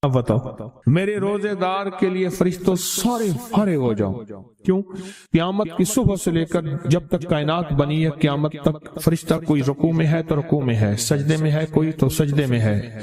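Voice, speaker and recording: A man preaching a storytelling sermon, repeating his phrases for emphasis. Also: on the high side. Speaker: Islamic preacher. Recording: crowd noise behind the voice.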